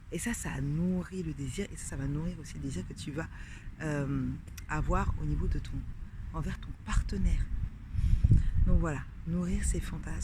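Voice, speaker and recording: A woman's voice: low-pitched, heavy background noise. A woman coach talking casually to camera, addressing the viewer directly with many fillers and sometimes dropping to a whisper. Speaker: sex and couples coach. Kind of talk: casual advice vlog to camera.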